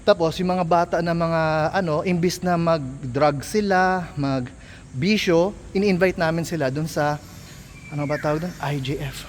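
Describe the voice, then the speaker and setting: A young Filipino man with a fairly high voice and a Filipino accent talks unhurriedly in a casual vlog, candidly and apologetically describing himself as an amateur tennis coach. He mixes English into his Tagalog. The audio has long hall reverb and faint ambient noise.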